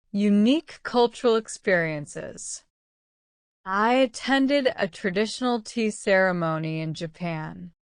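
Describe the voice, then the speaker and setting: A woman reading scripted English-learning example sentences very slowly and deliberately, in a clear, smooth voice. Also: mid-range voice, dry recording, clean studio sound. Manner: very slow, deliberate talking. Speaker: English lesson narrator.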